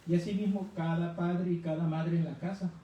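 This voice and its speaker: A church Bible teacher gives conversational, expository scripture teaching, explaining didactically and posing rhetorical questions to listeners. His high, mellow voice keeps a level tone at a slightly fast pace. The recording is muffled, made with a distant mic in a very echoey room with faint noise.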